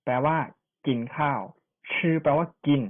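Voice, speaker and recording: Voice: medium pitch, fairly even intonation, normal speed. A language teacher giving an online pronunciation lesson, repeating each syllable for students to copy, with chatty asides. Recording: tinny phone-like sound.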